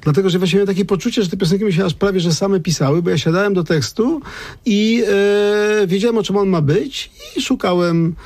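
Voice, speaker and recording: A man's voice: sits high, fairly quick, a little mellow, no room sound. A man, a lyricist and translator, talking thoughtfully on a radio show, often restarting his sentences. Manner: thoughtful, digressive, many restarts. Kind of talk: radio conversation.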